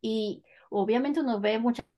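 A woman telling a personal story in an animated, casual way, laughing as she goes. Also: on the high side, moderate pace, lo-fi sound. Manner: animated, lively, laughs between phrases.

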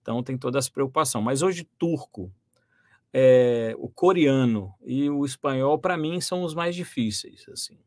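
A man from Brazil, a voice actor and dubbing director, explaining his work in a lively interview, with many restarts and fillers. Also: medium pitch, normal speed, no room sound, studio quality. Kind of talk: interview conversation.

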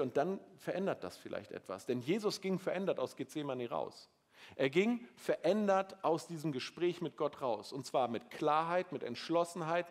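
A man preaching a sermon, passionate, moving between quiet intensity and loud emotional appeals. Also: on the high side. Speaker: pastor.

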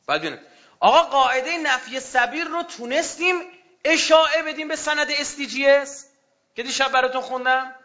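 A man preaching a fervent religious sermon to a gathering, swinging between loud outbursts and hushed low passages. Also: lo-fi sound.

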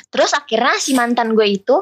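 A woman's voice: a little high, expressive, fairly quick, slightly rough. A young woman, a podcast guest telling a story casually and acting out what people said. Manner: chatty, recounts with quoted dialogue.

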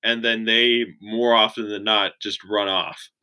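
A young man in his twenties chatting casually as an interview guest, relaxed and full of "like" fillers. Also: lowish voice, a little slow, clean tone, poor audio. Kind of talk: casual chat.

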